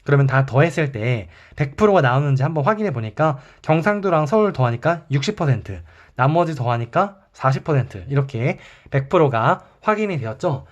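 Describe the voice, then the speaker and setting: A man teaching an online math class, talking students through each step as he draws. His voice sits at an ordinary middle pitch. The recording is slightly muffled and lo-fi. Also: fairly quick. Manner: calm, explains step by step while drawing.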